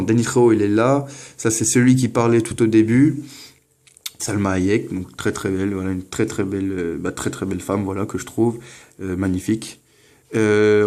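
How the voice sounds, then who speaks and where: A man's voice: on the low side, a little mellow. A young man, casually narrating an unboxing at home, hesitant and full of fillers and restarts. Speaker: unboxing vlogger.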